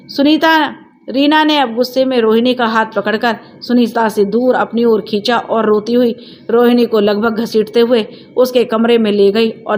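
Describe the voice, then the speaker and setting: A woman narrating a family story in a steady, expressive scripted reading. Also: on the high side.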